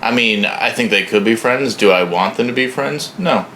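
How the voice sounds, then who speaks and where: A man's voice: medium pitch, normal speed, pushed and bright, reverberant, a little hiss or hum. A man co-hosting a comedy podcast, blunt and wry, often sounding exasperated in casual banter. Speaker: podcast co-host.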